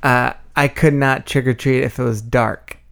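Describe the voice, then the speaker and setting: A man's voice: medium pitch, fairly even intonation, normal speed, creaky, clear, resonant tone. A man co-hosting a casual podcast chat, telling stories in an easygoing way. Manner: easygoing, storytelling. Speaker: podcast co-host.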